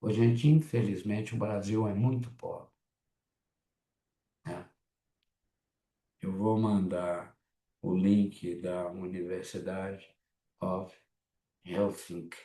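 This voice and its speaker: A middle-aged man with a Mineiro Brazilian accent teaching an online psychoanalysis class in a chatty, blunt way, with animated asides. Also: low voice, slow, long pauses, roomy sound. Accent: Mineiro Brazilian Portuguese.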